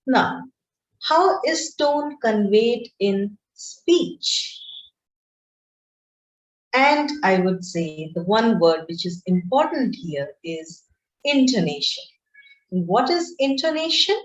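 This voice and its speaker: A woman teaches an online class at an unhurried pace. Her pitch rises and falls a great deal as she explains each point. The recording sounds roomy and a little muffled. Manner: slow, deliberate and explanatory, with lively pitch. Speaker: lecturer. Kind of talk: online lecture. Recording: roomy, dull lo-fi screen-share recording.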